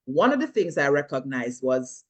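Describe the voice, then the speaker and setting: A middle-aged Jamaican woman, a filmmaker and actress, chats animatedly as a guest in a casual interview, laughing often and slipping into patois. Her voice is rumbling low and sing-song, a little mellow, at a moderate pace.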